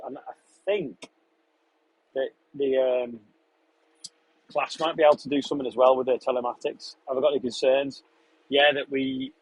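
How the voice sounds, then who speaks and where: Husky young man chatting from a tractor cab. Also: mid-range voice, dry recording, poor audio. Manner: relaxed, chatty, answers questions between running commentary on the job. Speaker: farm contractor live-streaming while spraying a field. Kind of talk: casual live-stream chat reading viewer questions. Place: inside a tractor sprayer cab, in a field.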